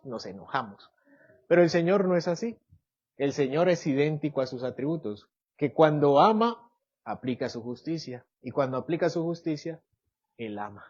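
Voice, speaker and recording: Man, Bible teacher, church class, mid-pitched voice, asks the room questions, slightly muffled lo-fi sound. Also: darkish tone, slightly rough.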